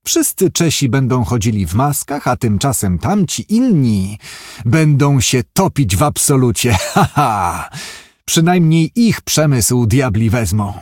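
A man voicing a wealthy industrialist, talking in an emphatic, excitable way, pitched above his own voice. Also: a little slow, no room sound, clean studio sound. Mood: scheming, gleeful. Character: wealthy middle-aged male industrialist, flustered and calculating.

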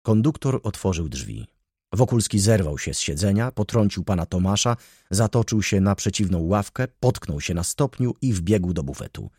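A man reading a novel aloud as an audiobook narrator, with an expressive, lively delivery. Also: low-pitched, normal speed, husky, no echo, clean studio sound. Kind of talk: scripted narration.

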